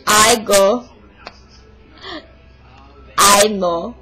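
Heavily acted and very slow, a young woman's medium-pitched voice comes across bright, forceful and husky as she portrays a stubborn young Russian woman in a comic monologue. Faint music plays behind the noisy home video while she complains indignantly and over the top in put-on Russian-accented broken English, dropping articles.

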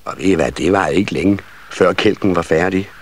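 A man narrating a Danish children's Christmas story in an expressive storybook manner. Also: sits low. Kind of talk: storybook reading.

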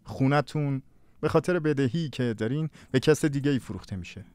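Man voicing a polite, formal agent, medium pitch, apologetic, dubbed drama. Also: a little mellow, lightly acted. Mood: sympathetic. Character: polite apologetic man handling a house sale. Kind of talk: Persian drama dubbing.

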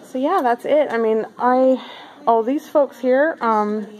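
Strolling an indoor craft bazaar hall, a woman vlogs in a chatty, upbeat way, using lots of fillers. Her voice is fairly high with a darkish tone, she takes it slowly, and the recording quality is low.

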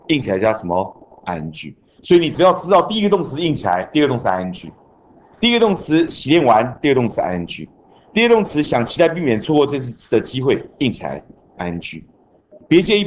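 A male teacher lectures a class, and his pitch swings up and down a lot. He chants grammar rules like mnemonics, with a faint hum of the classroom behind him. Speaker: junior high English teacher.

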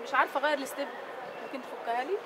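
A woman with an Egyptian accent playing a bossy, argumentative wife stranded on a busy street with a flat tire. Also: high-pitched, very fast, close to an everyday voice. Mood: coaxing. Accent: Egyptian Arabic. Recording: loud street crowd and traffic noise.

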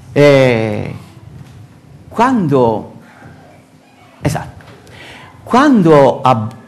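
An older man with a Sicilian Italian accent preaches to his congregation, his voice rising high and swinging widely in pitch. He speaks slowly and deliberately, throwing out rhetorical questions. He is picked up from across a church hall by a distant camera. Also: fairly bright tone. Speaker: pastor. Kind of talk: sermon. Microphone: far camera.

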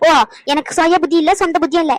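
A woman's voice: very high-pitched, steady tone, no echo, rough recording. A woman voicing a stern grandmother and mother-in-law who grumbles and scolds in a cartoon. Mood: scolding. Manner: sharp, grumbling, rapid scolding. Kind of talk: cartoon voice acting.

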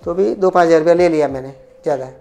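Middle-aged man, mellow tone, rambling storyteller, faint music underneath. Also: a little high, rapid-fire, gravelly. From India, Ahmedabad. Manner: rambling, repetitive, frequent restarts. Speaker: interviewee, coin dealer. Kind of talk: casual life-story telling.

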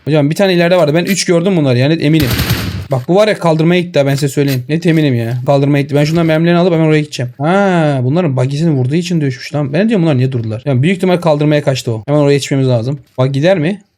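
A man giving excitable live commentary over his own shooter gameplay, talking to his viewers and shouting at enemies, on a headset mic. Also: a little high, very fast. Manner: excitable, talks to viewers and to the enemy. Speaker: gaming streamer. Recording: game sounds and gunfire behind.

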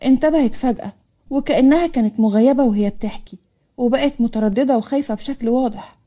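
A woman with an Egyptian Arabic accent narrating a scripted romance story in a smooth, steady reading voice. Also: on the high side, quick pace.

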